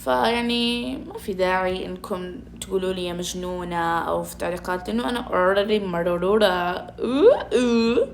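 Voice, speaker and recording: A woman's voice: on the low side, brisk, creaky, a little hiss or hum. A woman, streaming a game from home and chatting playfully with her viewers. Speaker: gaming streamer. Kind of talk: casual gaming commentary.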